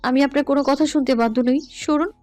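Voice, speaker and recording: A woman's voice: high voice, fairly even intonation, fast talker, a little mellow, faint music behind, lightly acted. A woman playing a stubborn young student who talks back with defiance and a teasing, playful edge in an audio love story. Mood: defiant.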